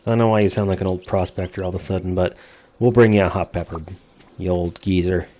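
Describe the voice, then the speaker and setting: A man's voice: sits low, fairly even intonation, fast talker, a little mellow. A man hosting a gaming video with casual commentary, speaking informally and jokingly with free use of swearing.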